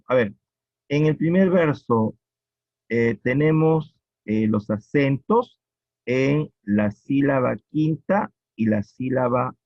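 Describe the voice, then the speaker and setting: A man with a Peruvian accent teaching a poetry lesson, explaining slowly and repeating each point with checking questions. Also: mid-range voice, gravelly, dry recording. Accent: Peruvian Spanish. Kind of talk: classroom lecture on poetry. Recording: dull lo-fi recording.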